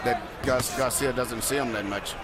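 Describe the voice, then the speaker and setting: Male boxing analyst talking technique, normal pitched voice, really loud arena noise. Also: steady tone, moderate pace. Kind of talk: live technical fight commentary. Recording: very loud arena crowd behind.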